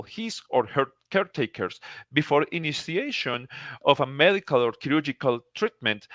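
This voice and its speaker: Speaking as a psychiatrist at a conference, a native Spanish speaker from Colombia gives an earnest, formal lecture in a Colombian Spanish accent and often restarts his phrases. His mid-range voice is a bit bright, with no room sound.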